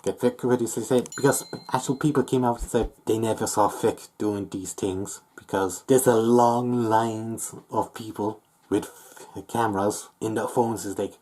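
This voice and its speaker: A man's voice: lowish voice, steady tone, darkish tone. A man ranting angrily in an opinion video, swearing often and stumbling over fillers. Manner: angry, profane, halting with many fillers. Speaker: YouTube commentator.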